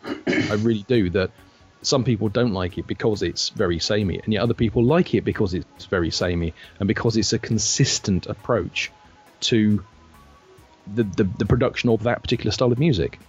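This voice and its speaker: A man speaking as a podcast guest, often restarting his sentences as he gathers his thoughts. His voice is on the low side. The audio sounds slightly dull, with faint music in the background. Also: fairly quick, slightly rough. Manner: hesitant, restarts a lot. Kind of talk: casual panel chat.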